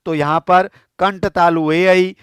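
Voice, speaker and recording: Indian guy teaching, high clear voice, asks questions then answers them himself, dry close sound. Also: fairly even intonation, slow, a bit bright, no echo. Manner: explains step by step, asks and answers his own questions, often says "friends". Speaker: Sanskrit teacher. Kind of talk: exam-prep classroom lesson.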